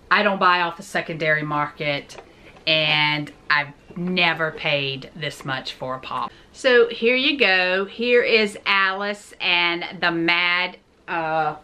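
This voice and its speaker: Bright-voiced chatty woman vlogger. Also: fairly low pitch, a little hiss or hum. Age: 40s. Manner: chatty, jokey, talks straight to viewers. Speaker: vlog host. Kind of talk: casual shopping haul chat.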